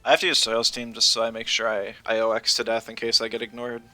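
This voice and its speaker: Bright-voiced male streamer talking through a match. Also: medium pitch, monotone, no room sound, faint music behind. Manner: thinking aloud, chatty, quick asides and laughs. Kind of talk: casual live game commentary.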